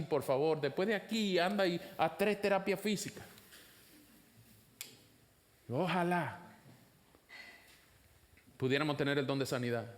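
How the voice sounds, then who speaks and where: A pastor's slightly bright voice carries a sermon full of rhetorical questions to the congregation, rising high for emphasis and then settling low and slow.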